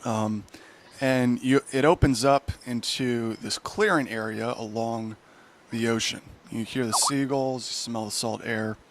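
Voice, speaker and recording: A man's voice: mid-range voice, steady tone, a little slow, slight background noise. A man narrating a tabletop game as game master, rambling and correcting himself often.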